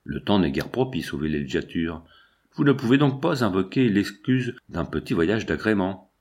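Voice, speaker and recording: A man reading an audiobook, voicing a burly, brutish male blackmailer who mocks and menaces in a slow, sneering way. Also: low voice, animated, a little mellow, husky, exaggerated voice.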